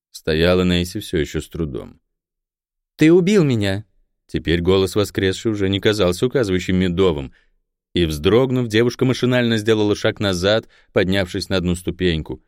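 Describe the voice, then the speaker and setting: A man narrating a fantasy novel in a steady storytelling voice into a close microphone. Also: low-pitched, clear, resonant tone, no room sound. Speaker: audiobook narrator.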